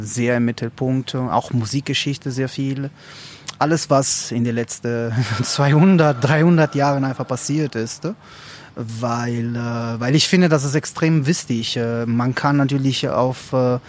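A man answering interview questions as a lecturer, speaking haltingly with many fillers. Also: medium pitch.

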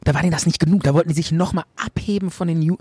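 Podcast co-host, young man, husky, slightly high voice, lively storyteller, dry close mic. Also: very fast, no echo. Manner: animated storyteller, acts out quoted voices, many restarts. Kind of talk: casual chat, telling a dream.

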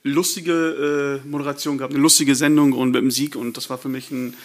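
A man, a fan radio commentator, reminiscing casually in a hesitant, halting way. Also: medium pitch, little pitch movement.

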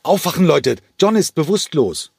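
A man voicing a panicked middle-aged ballet secretary who takes command with urgent, shouted orders. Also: lowish voice, lively intonation, moderate pace, husky, no room sound, clean studio sound, pitched above the performer's own voice. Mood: shouting.

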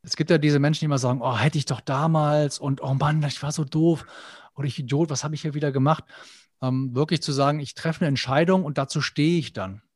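A middle-aged man with a slightly high, fairly even voice speaks briskly as a podcast guest in a reflective conversational interview. He is earnest and animated, often acting out little quoted inner voices, with no room sound.

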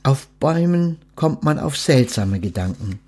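A man voicing a small, curious female duck in a storybook reading, raising his voice softly and asking many questions. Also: medium pitch, lively intonation, unhurried. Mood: gentle, pleading. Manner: raised, soft questioning voice.

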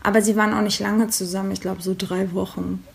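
A woman co-hosting a podcast, telling a personal story in a candid, animated, colloquial way. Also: medium pitch, fast, creaky. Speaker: podcast co-host.

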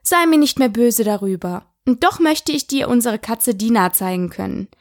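Lady reading as a polite little girl, chatty and eager, a bit higher voice, dry close sound. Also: lively intonation, normal speed, no room sound.

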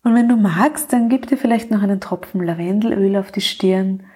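A woman hosting a podcast with calm, measured scripted narration, addressing the listener directly. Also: mid-range voice, breathy edge. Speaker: podcast host, coach for mothers.

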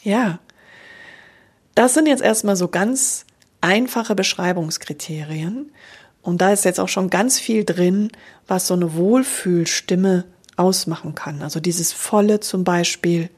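Woman, voice coach, husky tone, lowish pitch, calm explanatory lesson. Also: unhurried. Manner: calm, explanatory, addresses listener directly. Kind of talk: spoken voice lesson.

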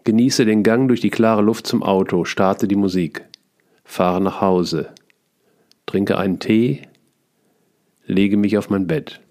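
A man reading his own memoir aloud in short, clipped first-person sentences, calm and steady. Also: fairly low pitch, slow pace, pauses often. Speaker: author reading his book.

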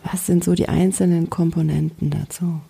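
A woman coach leading a guided relaxation in a slow, soothing, gentle way. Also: on the low side, flat delivery, vocal fry, slightly rough. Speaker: coach and podcast host.

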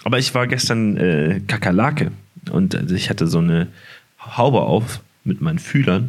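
A man's voice: low voice, lively intonation, normal speed, breathy edge. A hungover man co-hosting a podcast in casual chat, joking at his own expense. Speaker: podcast co-host.

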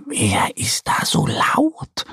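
A man's voice: medium pitch, sing-song, slow pace, vocal fry, slightly rough, dry recording, clean studio sound, exaggerated voice. A man voicing a small, eager bear cub boy in a children's story. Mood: childlike.

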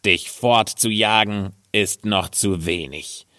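A man's voice: on the low side, takes it slowly, bright, forceful tone, no echo, studio quality. A man playing a hot-tempered old tailor in a storybook reading, scolding and indignant. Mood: enraged.

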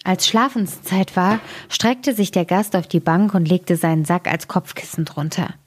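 A woman reading a fairy tale aloud as a storyteller, in a gentle, expressive way. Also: fairly low pitch, a little slow, breathy edge.

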